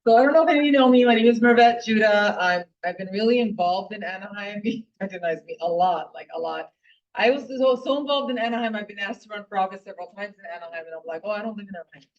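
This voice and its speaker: A woman's voice: mid-range voice, lively intonation, quick pace. A middle-aged woman giving a heartfelt, impassioned personal speech at a political club meeting, speaking earnestly with frequent fillers and restarts. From Puerto Rico. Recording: distant, dull lo-fi room recording.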